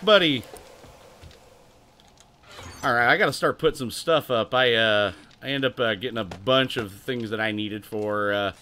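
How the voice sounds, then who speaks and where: A man's voice: medium pitch, bright, forceful tone. A man hosting a casual gaming livestream, talking in a rowdy, crude way and thanking viewers by name. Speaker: livestream host.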